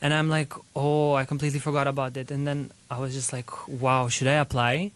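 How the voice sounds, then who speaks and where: Young Serbian man, relaxed rambling talk. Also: mid-range voice, fairly quick. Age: 20s. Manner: relaxed, rambling with fillers and acted-out quotes. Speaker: guest student. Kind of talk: casual interview.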